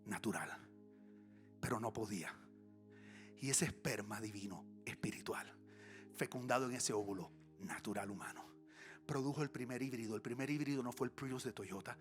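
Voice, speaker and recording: A male pastor delivering a sermon before a congregation. He tells stories with comic flair and sometimes drops into a whisper. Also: on the low side. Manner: animated, comic storytelling with dips into whispers. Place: church stage before a congregation.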